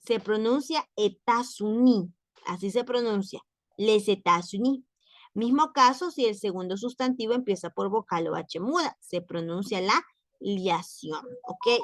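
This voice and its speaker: Slow, careful woman teaching French. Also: on the high side, no echo. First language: Spanish. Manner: slow, repeats each example word carefully. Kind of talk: online language lesson.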